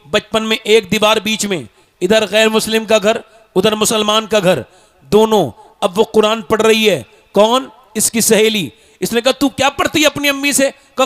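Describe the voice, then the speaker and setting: A man preaching a sermon, swinging from shouted peaks down to low, quiet appeals. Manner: fiery, rises to shouts then drops low.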